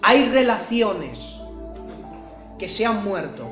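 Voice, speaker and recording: A man preaching a sermon with passion, swinging from loud cries to hushed tones. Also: high-pitched, very animated, slow pace, echoey room, soft background music.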